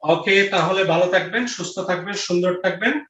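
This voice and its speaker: In an online grammar lecture, a man with a high, slightly bright voice speaks at normal speed, repeating each question and answer and checking in with his students. The lo-fi audio sounds roomy, distant, and dull.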